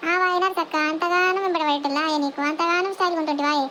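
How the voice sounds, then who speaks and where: A high voice doing a teasing Telangana village girl. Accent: Telangana Telugu. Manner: teasing, quick, excitable. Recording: faint background noise.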